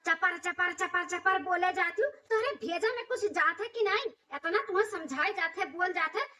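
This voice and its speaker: A woman doing a nagging Awadhi mother-in-law, shrill and high. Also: bright, forceful tone. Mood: scolding. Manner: nagging, rapid dialect scolding. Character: scolding village mother-in-law, stern and strict. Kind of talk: cartoon comedy voice acting. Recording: distant, dull lo-fi recording.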